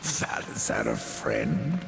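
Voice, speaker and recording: An actor playing a grim, sardonic deathly Horseman in a fantasy game, with a deep gravelly voice and dry, terse delivery. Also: wildly swooping pitch, slow pace, full character voice. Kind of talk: dramatic fantasy game dialogue. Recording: long reverb, loud music behind.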